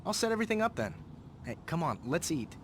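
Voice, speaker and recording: A young man playing a proud, brisk executive friend in a video game. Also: fairly high pitch, big pitch swings, slight background noise. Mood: proud, friendly. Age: young adult. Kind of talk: video game cutscene acting.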